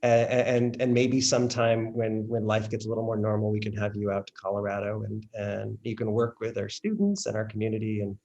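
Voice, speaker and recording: Halting man interviewer, friendly host. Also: fairly low pitch, fairly even intonation, darkish tone, muffled recording. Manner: halting, repeats words, laughs easily. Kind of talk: casual interview chat.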